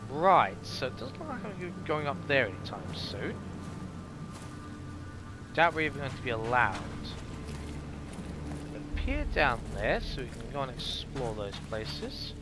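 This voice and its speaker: A man's voice: mid-range voice, huge pitch swings, unhurried, long pauses. A man giving casual, sarcastic let's play commentary on a video game, thinking aloud. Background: game music and sounds.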